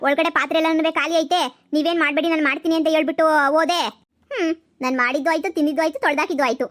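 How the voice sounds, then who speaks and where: A woman's voice: high-pitched, fairly even intonation, fast talker, fairly bright tone. A woman voicing a defiant young daughter-in-law who scolds and taunts her in-laws in a cartoon comedy. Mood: taunting.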